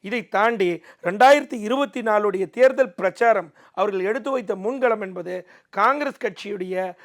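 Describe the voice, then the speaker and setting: A man speaks in a distinctly high register with a lot of gravelly creak. He argues politics as an interview guest in an emphatic, oratorical way. He often repeats a phrase to drive the point in. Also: normal speed. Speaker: political commentator, debate guest.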